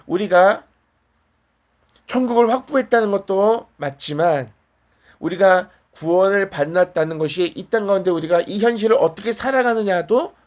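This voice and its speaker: A man with a high-sitting voice preaches a sermon in a small church. His style is conversational, posing questions to the congregation and answering back.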